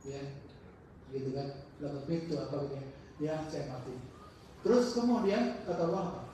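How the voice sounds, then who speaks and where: High-voiced male religious teacher in echoey hall. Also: distant mic, background noise. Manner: halting, searches for words mid-sentence; animated storytelling with acted-out quotes. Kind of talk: informal religious study talk. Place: mosque hall. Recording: very echoey mosque hall, heard from afar.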